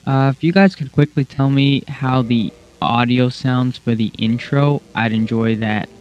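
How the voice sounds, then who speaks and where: A man's voice: mid-range voice, a little slow, a little mellow, smooth. A young man hosting a gaming channel, explaining the rules of his run in a rambling, self-correcting way, with the hiccups. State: has the hiccups. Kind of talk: casual gameplay commentary. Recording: dull lo-fi audio with faint music.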